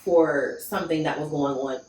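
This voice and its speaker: A woman's voice: low-pitched, normal speed. A woman from Pittsburgh, a guest telling her personal story in conversation and acting out what she said back then. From Pittsburgh, USA. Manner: animated storyteller acting out her own past lines. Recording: echoey room, distant mic, faint noise.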